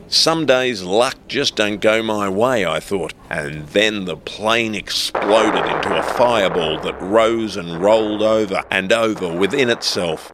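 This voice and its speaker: A man's voice: on the low side, a bit bright, slight background noise. A man narrating a comic hard-boiled detective audiobook in a wisecracking first-person manner.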